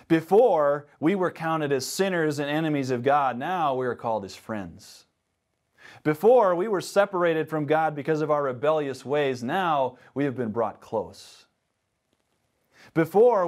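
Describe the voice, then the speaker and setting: A man in his thirties preaching a sermon from a lectern on a dark church stage, reading scripture with earnest emphasis. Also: medium pitch. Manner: earnest, emphatic rises on key words, hushed in prayer. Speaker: pastor.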